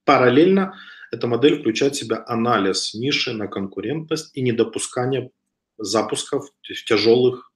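This medium-pitched, moderately paced man teaches an online business class over slides via webcam. In his thirties and nursing a cold with a slight cough, he talks casually, hesitating and restarting often, and the home room with wooden shelves gives an echoey sound.

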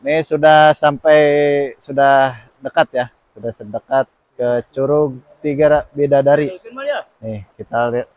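A young man talks casually to his vlog viewers. His voice sits at an average pitch, captured outdoors on a handheld camera with little echo. He speaks, guiding viewers along as host. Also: fairly even intonation, a little slow, darkish tone. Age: young adult. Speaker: vlogger. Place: outdoors on a forested mountain trail and rocky stream. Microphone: handheld camera at arm's length.

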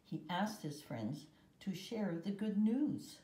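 Reading a children's religious picture book aloud, a mellow-voiced woman speaks at medium pitch and is very animated, yet goes very slowly and deliberately with pauses between phrases. The recording sounds roomy and echoey, with slight background noise.

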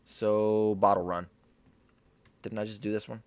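A man's voice: on the low side, little pitch movement, a little slow, clean tone, no echo. A young man giving casual gameplay commentary, repeating short phrases to himself. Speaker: gaming video host.

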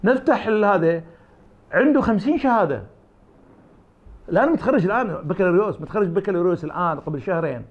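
A man's voice: high voice, rapid-fire, hardly any pauses, highs cut off. A man from Iraq with an Iraqi Arabic accent, giving interview answers as an academic guest, arguing his point through imagined back-and-forth dialogues. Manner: argumentative, uses imagined dialogues.

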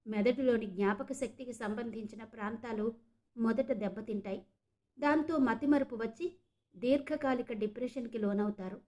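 A woman voicing a calm middle-aged male doctor who explains patiently. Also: a little high, normal speed, natural voice.

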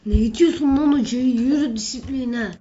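A woman's voice: mid-range voice, a little slow, mellow, highs cut off, close to an everyday voice. A woman voicing a stern, bossy male schoolteacher who quizzes and scolds a pupil in a homemade skit. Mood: scolding. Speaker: social studies teacher character.

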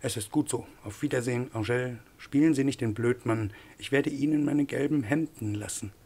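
A man's voice: mid-range voice, a little fast, warm tone, breathy edge. A man voicing a weary, sardonic old male professor in an audiobook, speaking in a dry, clipped way. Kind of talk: audiobook character voice.

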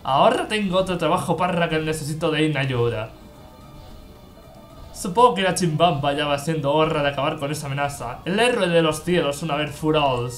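A man's voice: fairly high pitch, moderate pace, faint music behind, lightly acted. A man voicing a scheming male military officer in a video game with a put-on German accent, sly and drawn out. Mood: mocking.

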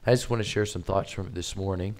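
A man preaching a sermon as a visiting missionary, in a plain conversational way, halting often with fillers and restarts, his voice a little strained. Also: low voice, steady tone, a little mellow. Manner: hesitant, many fillers and restarts.

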